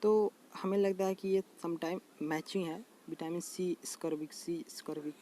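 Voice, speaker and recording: A man's voice: high voice, steady tone, dark tone. Man teaching memory tricks, faint noise. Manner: addresses viewers as friends, repeats terms slowly. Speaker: general knowledge teacher. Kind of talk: casual explainer lesson.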